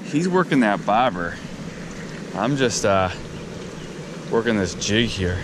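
A fishing video host chats excitedly to his viewers as he fishes from a riverbank and a fallen tree, his voice lowish and his pace slow. It's casual, on-the-spot commentary captured by a head- or chest-mounted action camera, with river and wind noise coming through the outdoor mic.

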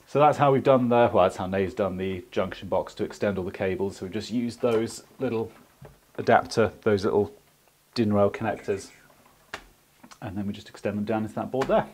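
A man's voice: mid-range voice, darkish tone, a little hiss or hum. A man working as an electrician, chatting casually to camera on a job in a house, joking and swearing freely. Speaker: electrician vlogger. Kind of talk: casual on-site vlog. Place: house under renovation, indoors.

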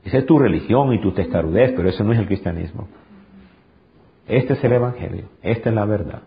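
A male pastor preaching an impassioned sermon, swinging from high, forceful peaks down to low, intimate tones. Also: brisk, gravelly. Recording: dull lo-fi sound.

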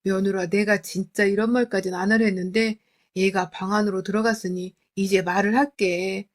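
A scornful old father-in-law, voiced by a woman reading the story nags with harsh, belittling contempt. His lines come out loud and hard against the narration. The voice stays hard-edged throughout. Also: mid-range voice, flat delivery, normal speed, pitched below the performer's own voice, natural voice. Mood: scornful scolding.

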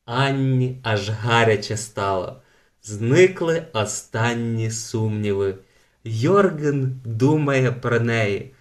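A man reading a children's audiobook aloud in scripted storybook narration, evenly and lightly expressive. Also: mid-range voice.

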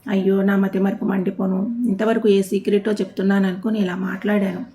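A gossip-loving wife confides neighbourhood news in a chatty, eager way, as in a comic storybook, voiced by a woman narrator. The tone is mellow and warm, close to an everyday reading voice. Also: mid-range voice, flat delivery, fairly quick, lightly acted. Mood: flustered.

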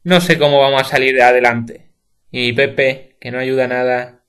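A man's voice: mid-range voice, steady tone, moderate pace, a bit bright, clean tone, voice pushed down, close to an everyday voice. A man with a Spain Spanish accent reading the part of a meek, pious middle-aged neighbor woman who complains of hard times. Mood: lamenting.

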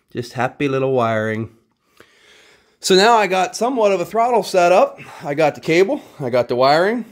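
His voice sits in the mid range with a bit of brightness as he chats in his garage about an old three-wheeler. A vintage three-wheeler restorer, he treats it as a casual show-and-tell, laced with self-mocking wit.

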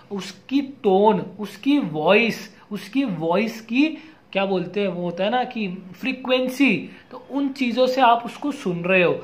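A young adult man with a high voice gives an exam-prep lecture, casually mixing Hindi and English. He reads the English definitions out slowly.

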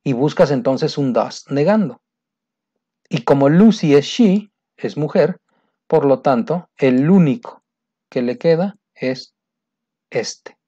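A patient teacher walks through a grammar lesson step by step, repeating key points and checking in with the listener. The voice sits in a middle register and sounds mellow and soft-edged. The recording is dull and muffled. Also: medium pitch, animated, takes it slowly, pauses often, husky. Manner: patient, repetitive, keeps checking understanding. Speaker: English teacher.

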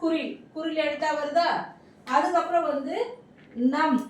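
A woman's voice: high voice, fairly even intonation, unhurried, a little hiss or hum. A woman teaching grammar in a classroom lesson, asking the class questions and answering them herself, over and over. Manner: repetitive, quizzing questions then answering them. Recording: echoey room, mic far off.

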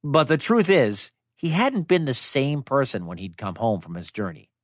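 Telling a scripted myth aimed at children, a storyteller and podcast host speaks in a mid-range voice with lively intonation and a moderate pace. The delivery is dramatic yet conversational, recorded dry in a studio, with no room sound and music behind him.

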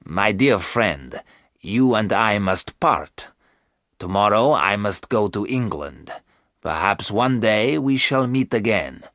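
Old male vampire count read by a man, storybook villain, courtly, menacing, low voice, slow delivery. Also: expressive, a bit bright, dry recording, clean studio sound. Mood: smooth. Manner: slow, deliberate, commanding.

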